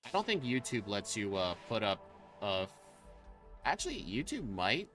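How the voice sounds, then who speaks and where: A man's voice: lowish voice, very animated, moderate pace, fairly bright tone, faint music behind. A man streaming a speedrun, chatting casually and teasing his co-hosts bluntly. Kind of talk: casual chat while gaming.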